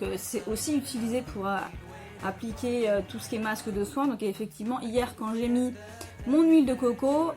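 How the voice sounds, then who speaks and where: A woman chatting casually at home as she reviews hair products, with many fillers and restarts. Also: mid-range voice. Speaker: beauty vlogger.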